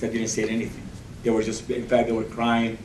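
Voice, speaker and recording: Halting man sharing a church testimony. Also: lowish voice, completely flat delivery, noisy background. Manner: halting, many restarts. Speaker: outreach volunteer reporting. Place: church meeting room. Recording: echoey room, distant camera mic.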